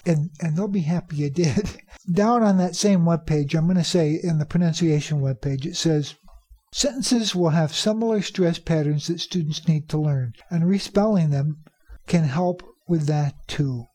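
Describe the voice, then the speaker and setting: A native English speaker teaching teachers about pronunciation, repeating key phrases for emphasis and slowing down to demonstrate. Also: medium pitch, warm tone, slightly rough. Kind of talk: instructional talk.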